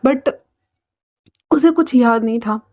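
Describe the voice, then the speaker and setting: A woman narrating a dramatic fan fiction story in an emotive, halting way. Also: fairly high pitch, warm tone. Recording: dull lo-fi recording.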